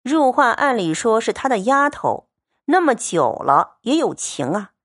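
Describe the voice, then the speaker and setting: A woman's voice: on the high side, sing-song, unhurried, fairly bright tone, no room sound, clean studio sound. A woman giving a storytelling lecture, retelling scenes and then explaining them in plain words. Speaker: lecturer on a classic novel.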